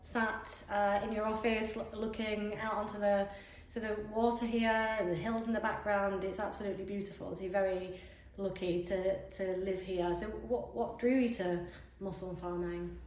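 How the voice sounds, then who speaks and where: A woman's voice: medium pitch, fairly even intonation, normal speed, a little mellow. A woman asking questions in a conversational interview. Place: indoors in an office. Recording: echoey room.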